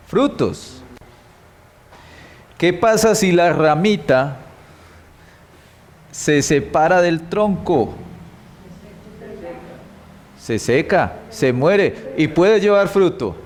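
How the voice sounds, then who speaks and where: Leading a church Bible class, a man with a Colombian Spanish accent and a fairly high-pitched voice reads from scripture. He tests his students with questions and keeps repeating key words.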